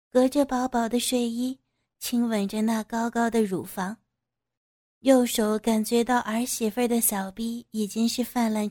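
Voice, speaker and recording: Woman narrating an audio story, higher voice. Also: warm tone.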